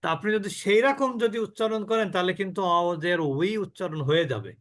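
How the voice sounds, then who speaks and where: A man teaching an online recitation class, drawing out each sound slowly and quizzing his students. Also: high-pitched, a bit bright. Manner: slow drawn-out demonstrations of sounds, asks the class questions.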